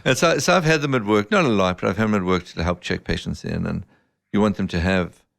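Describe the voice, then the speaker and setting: A middle-aged man, a surgeon as guest, telling relaxed stories in a casual interview and often poking fun at himself. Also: lowish voice, quick pace, creaky, no room sound, studio quality. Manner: relaxed anecdotal storyteller, self-mocking, laughs often. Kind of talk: casual podcast interview storytelling.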